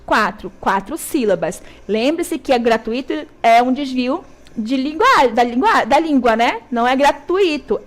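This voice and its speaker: A woman with a Brazilian Portuguese accent teaching a televised school lesson, checking in with her students often and slowly stressing syllables. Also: on the high side. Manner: didactic, checks in with "tá?" and "certo?".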